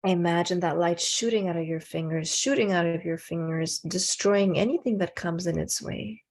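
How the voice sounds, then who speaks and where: A woman guiding a meditation, giving slow, calm breathing instructions with long pauses. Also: fairly low pitch. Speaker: meditation teacher.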